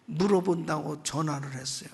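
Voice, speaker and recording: A man preaching as guest pastor at a revival meeting, telling a story in an animated way and acting out its people, at times bursting into loud exclamations. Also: a little high, moderate pace, creaky, slight background noise. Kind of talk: sermon storytelling. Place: church sanctuary. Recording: echoey church hall.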